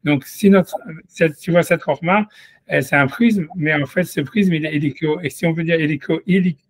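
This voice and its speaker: Man teaching, higher voice, dry. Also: normal speed, dry recording. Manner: rambling, many fillers and restarts, tutoyant the listener. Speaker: rabbi teaching a class. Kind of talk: informal Torah lesson.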